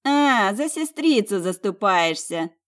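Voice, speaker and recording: A woman's voice: mid-range voice, lively intonation, normal speed, lightly acted. A woman voicing a spiteful, sneering young noblewoman in an audiobook, taunting her sister.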